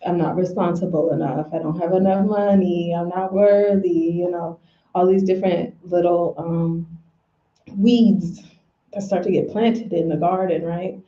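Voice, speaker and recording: Mellow-voiced woman telling candid stories. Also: lowish voice, steady tone, a little slow. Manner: candid, storytelling with slang. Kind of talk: casual spiritual chat. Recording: roomy, dull lo-fi audio.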